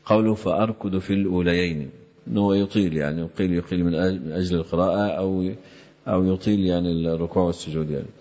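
A man explains a classical text in a lesson, pausing on drawn-out "aah" fillers. His very deep voice stays almost monotone, and he talks at a brisk clip. The recording sounds slightly dull and lo-fi. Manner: frequent drawn-out "aah" fillers between phrases. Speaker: Islamic scholar teaching hadith commentary.

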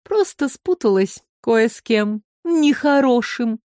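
A woman's voice: fairly high pitch, expressive, slow, dry recording, clean studio sound. A woman voicing a motherly female water spirit who soothes and teases, in a storybook reading. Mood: teasing. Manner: soothing yet sharp-tongued.

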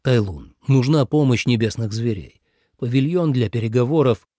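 A man reading an audiobook voices a weary male war god general, calm and measured. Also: medium pitch, no room sound, studio quality, lightly acted.

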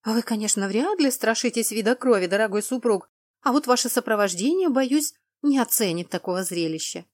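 A woman's voice: on the high side, animated, brisk, no room sound, studio quality. A woman playing a sweetly mocking young noblewoman.

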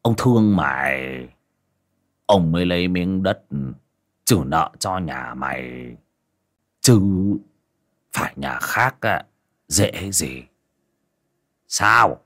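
A man's voice: sits low, lively intonation, slow, pauses often, fairly bright tone, pitched below the performer's own voice, full character voice. Man doing a cruel sneering moneylender. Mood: cold, menacing. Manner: sneering, barking insults and orders. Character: cruel wealthy moneylender man, scornful, bullying.

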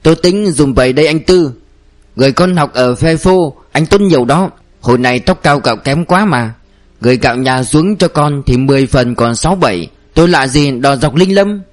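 Storybook part: a man playing a jovial old mandarin, smooth and persuasive. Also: on the high side, lively intonation, fairly quick, close to an everyday voice. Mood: genial. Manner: genial, persuasive. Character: smooth-talking older provincial mandarin, jovial.

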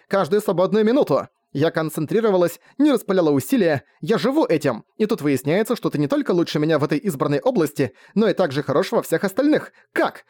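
A furious young woman mage, sobbing as she shouts, played by a man. Her voice leaps high above a plain speaking tone in raw, anguished outbursts. The sound is dry and close. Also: no echo. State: crying.

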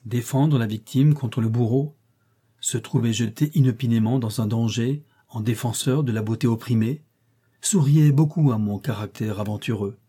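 A man reads a classic short story aloud in the first person, in a measured, literary manner. His voice is dark and warm, with a husky grain. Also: mid-range voice. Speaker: audiobook reader.

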